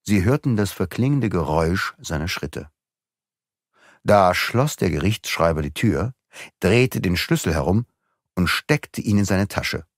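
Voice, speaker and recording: A man reading a novel aloud in a dramatic, varied style. His fairly low voice moves with lively intonation. The recording is dry and close. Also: a little slow, no room sound. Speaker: audiobook narrator. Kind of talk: scripted audiobook narration.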